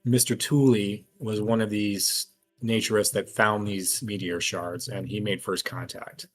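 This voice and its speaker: A man with a lowish, fairly even voice speaks a little slowly as a tabletop game player working through a mystery. His tone is casual but analytical, and he reasons aloud at length.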